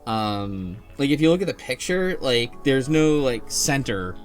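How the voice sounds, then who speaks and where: This panelist has a mid-range, very animated voice and keeps a measured pace. He muses about a visual novel in a loose, tentative podcast conversation, rambling as he works out his thoughts. Soft music sits faintly in the background.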